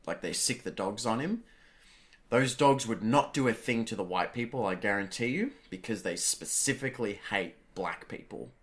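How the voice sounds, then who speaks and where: Chatty low-voiced man telling stories. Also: normal speed. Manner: animated storytelling, swears freely. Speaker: podcast co-host. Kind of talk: casual chat.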